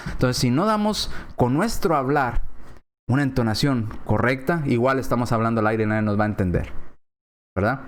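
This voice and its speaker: A man preaching a sermon in a church, animated, acting out quoted voices with sudden pitch jumps and often checking in with his listeners. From Spanish-speaking, lives in Texas. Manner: often adds tag questions.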